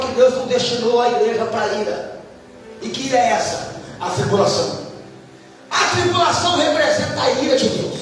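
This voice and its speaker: A man from Brazil preaching a fervent sermon in a church, his voice climbing into high shouts. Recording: echoey hall, distant mic, music behind.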